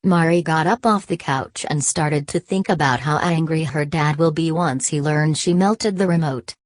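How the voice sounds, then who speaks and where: A woman reads a scripted superhero story as its narrator. Her voice sits low in pitch, and the recording is close and dry, with very little room sound. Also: normal speed, no room sound. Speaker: audiobook narrator.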